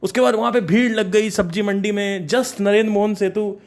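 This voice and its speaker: A young man from Kanpur telling a personal story in a casual, animated way, slipping English phrases in and laughing between lines. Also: high-pitched, moderate pace.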